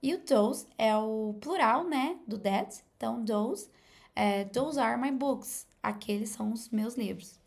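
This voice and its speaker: A young woman with a Brazilian Portuguese accent, a native Portuguese speaker, giving a casual English lesson and pausing often to correct herself. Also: a little high, creaky. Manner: hesitant, many fillers and restarts. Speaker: English teacher.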